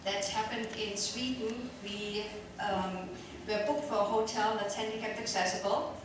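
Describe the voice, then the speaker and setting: A woman on a discussion panel gives an informal, anecdotal account in hesitant, piecemeal phrases, in a medium-pitched voice at a measured pace. The recording is very echoey, with a distant mic and a noisy room.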